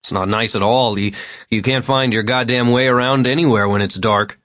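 Here a man performs the same rumpled, middle-aged drunk, rambling and maudlin, his slurred speech drifting from excessive politeness into self-pity. His mid-range voice is fairly bright, moves at a normal pace, and keeps a fairly even intonation. It sounds natural, with no room sound.

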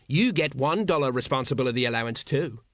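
A man voicing a portly, nervous sergeant who blusters to hide his fear. The voice sits at a middling pitch, dry and close. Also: expressive, quick pace, fairly bright tone, dry recording, lightly acted. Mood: blustering.

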